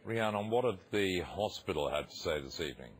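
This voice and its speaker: A man with a British accent reading broadcast news as an anchor in a measured, formal manner. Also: sits low, expressive.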